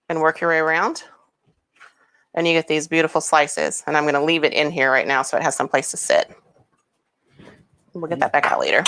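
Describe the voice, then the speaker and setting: A woman's voice: low voice, a bit bright. A woman hosting a home cooking demonstration, explaining each step in a chatty, homey way with casual asides. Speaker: cooking show host.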